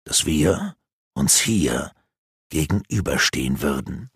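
A man voicing a sneering, sinister renegade sorcerer in an audiobook, slow and mocking. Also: a bass voice, animated, slightly rough, no echo, studio quality, pitched below the performer's own voice, full character voice. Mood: scheming. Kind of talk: audiobook character voice.

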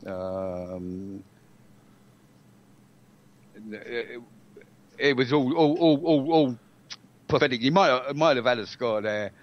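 A man's voice: mid-range voice, lively intonation, takes it slowly. A man speaking as a guest over a call, insistent and stumbling over repeated words, his voice cutting in and out. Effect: voice cutting in and out on a breaking call line. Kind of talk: casual interview over a call. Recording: muffled lo-fi call line dropping out.

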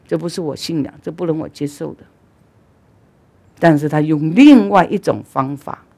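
Gravelly-voiced woman giving a dharma talk. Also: low voice. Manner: animated storytelling that swings between loud urging and quiet asides. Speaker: Buddhist teacher.

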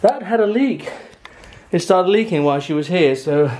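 A Danish man in his thirties vlogs his day on a handheld camera held at arm's length, mostly outdoors on a windy beach and partly at home, with wind noise on the mic. His voice sits high, expressive and darkish at a moderate pace. He rambles, laughs often, and baby-talks to his dog.

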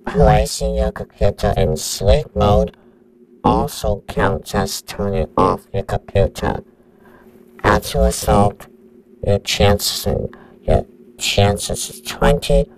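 A man's voice: fairly low pitch, a little mellow, poor audio. A synthetic male voice playing a menacing computer virus that announces countdowns in a robotic tone.

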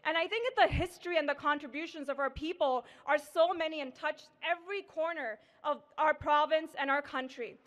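A woman's voice: high-pitched, a little fast, few pauses, a bit bright. A woman delivers a ceremonial speech. She sounds middle-aged and speaks into a podium microphone as co-host of an event. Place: indoor hall, on stage at a podium.

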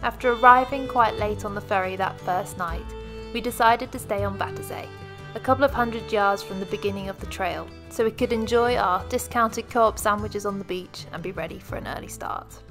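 A woman vlogs a cycling trip in an upbeat, chatty tone. Her narration sits over clear background music. Her outdoor chat has small hesitations. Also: mid-range voice, moderate pace.

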